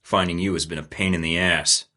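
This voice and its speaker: A low-pitched male voice with fairly even intonation, a brisk pace and a sharp tone. He plays a wry young secret agent for video game voice lines, someone who keeps cool under pressure. His delivery is dry, sarcastic and clipped, like radio-style field chatter.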